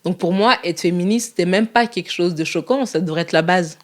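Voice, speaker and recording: A young woman in a casual interview, talking candidly in a quick, lively way and laughing often. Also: fairly low pitch.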